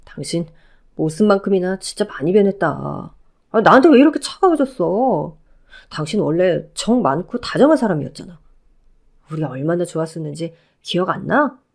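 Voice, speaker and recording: A woman's voice: lowish voice, sing-song, normal speed, vocal fry, darkish tone, heavily acted. A wheedling, self-pitying ex-husband, as a woman reads him in an audio drama. The voice rises and falls widely as he whines and pleads. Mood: pleading. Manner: pleading, whiny. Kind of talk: Korean audio drama reading.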